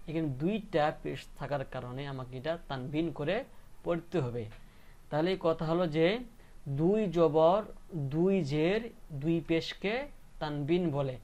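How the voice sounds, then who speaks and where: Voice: medium pitch, unhurried, warm tone. A teacher giving a patient, repetitive, step-by-step reading lesson that spells out syllables and keeps checking understanding.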